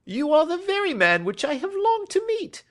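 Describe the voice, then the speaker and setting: A man voicing a nervous little hotel attendant, with a high, thin, quavering voice in an audiobook reading. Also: wildly swooping pitch, moderate pace, a bit bright, exaggerated voice. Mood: frightened, eager. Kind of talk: audiobook character voice.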